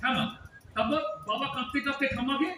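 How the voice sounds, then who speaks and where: Playing an adult son in a Bengali audio drama, this male actor teases his mother and aunt and lectures them. His very high voice is fast, steady, pushed and bright, recorded from a distance in an echoey room with faint hiss.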